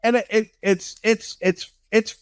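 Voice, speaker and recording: A man's voice: high-pitched, steady tone, a little slow, clear, resonant tone. A middle-aged man chatting casually as a co-host, rambling and repeating words as he talks. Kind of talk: casual chat.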